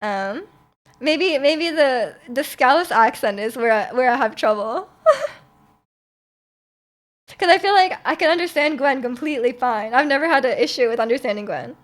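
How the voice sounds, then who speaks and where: A young woman with a high, animated voice chats casually on stream at normal speed, going through her viewers' comments. She laughs a lot and frequently restarts what she's saying.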